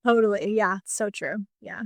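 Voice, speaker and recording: A woman's voice: medium pitch, normal speed, no room sound, studio quality. A woman business coach talking in a casual podcast conversation, chatty and full of "like" fillers. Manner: chatty, heavy use of "like" fillers.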